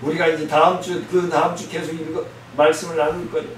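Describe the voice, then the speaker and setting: A male pastor preaching a sermon, blunt and scolding, with loud emphatic outbursts. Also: fairly high pitch, level tone, quick pace. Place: church sanctuary. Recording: very echoey church hall, mic from a distance, faint hiss.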